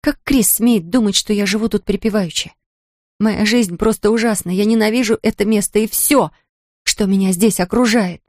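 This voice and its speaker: A woman's voice: medium pitch, moderate pace, a little mellow, dry recording, clean studio sound, pitched above the performer's own voice, natural voice. Woman doing a heartsore, subdued young woman. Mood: hurt, wistful. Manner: subdued, wistful.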